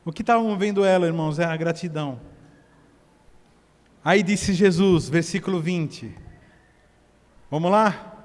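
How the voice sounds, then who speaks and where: A Brazilian man preaching a sermon at a church service, swinging from hushed to loud as he directs the congregation. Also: sits high, measured pace, pauses often, in a large hall. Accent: Brazilian Portuguese. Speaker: pastor.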